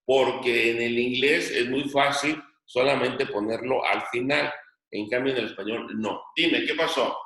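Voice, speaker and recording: A man's voice: medium pitch, steady tone, bright, forceful tone. Man teaching in an echoey classroom. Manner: dictating slowly, repeats phrases. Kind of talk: classroom lesson. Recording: echoey room, voice from a distance.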